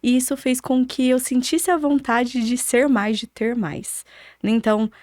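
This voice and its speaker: Her voice is fairly high and a little mellow, with fairly even intonation and a measured pace. She's a podcast guest from Cambé, Paraná, Brazil, with a Brazilian accent, reflecting on her story casually in short, list-like phrases. It's studio-quality audio with no echo.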